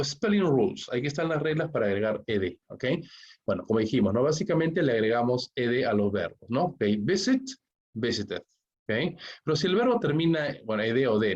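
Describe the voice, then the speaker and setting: A man's voice: mid-range voice, darkish tone, dull audio. Man teaching grammar, forever asking "ok?". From Peru. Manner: checks in constantly with "¿ok?", slows down on English examples. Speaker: English teacher. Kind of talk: grammar lesson explained in Spanish.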